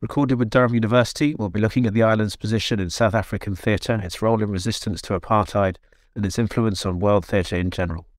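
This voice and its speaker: A man with a somewhat low voice hosts a podcast, giving a measured, formal introduction before asking his guest questions. The recording is dry, with almost no room sound. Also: steady tone, no echo. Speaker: podcast host, theatre director. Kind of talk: scripted introduction and interview questions.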